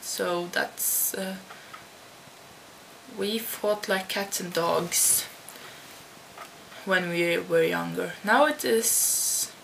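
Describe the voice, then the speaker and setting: A teenage vlogger born in the Netherlands talks casually to her computer webcam at home, answering tag questions slowly and haltingly with many restarts. Her lowish voice is fairly bright with vocal fry, the recording is rough, and a computer fan hums faintly.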